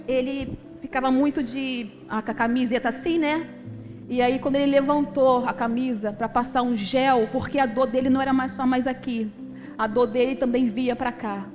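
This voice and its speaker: High-voiced woman testifying. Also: big-room sound. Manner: emotional, conversational, addresses the congregation as brothers. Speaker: deaconess giving a testimony. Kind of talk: church testimony. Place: church sanctuary.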